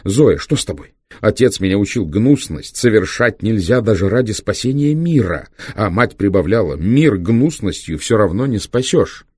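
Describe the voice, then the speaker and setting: A man's voice: lowish voice, animated, brisk, warm tone, no echo, studio quality, pitched above the performer's own voice. A man reading an audiobook, voicing an indignant male doctor who leads a mission and protests on moral grounds. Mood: outraged. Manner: agitated, morally outraged.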